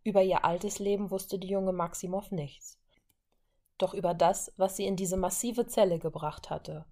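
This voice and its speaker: A woman narrating a fan fiction audiobook in a steady reading voice. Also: medium pitch, normal speed.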